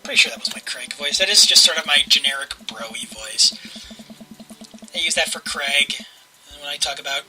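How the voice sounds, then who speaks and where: A man's voice: fairly high pitch, expressive, moderate pace, sharp tone, a little hiss or hum, poor audio. A man hosting a let's play, casually commentating and reading game narration aloud.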